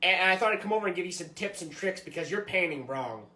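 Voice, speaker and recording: A man's voice: high-pitched, animated, fast talker, pushed and bright, exaggerated voice. A man playing a smug, pedantic hobby snob, condescending and nitpicking in a comedy sketch. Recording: roomy echo.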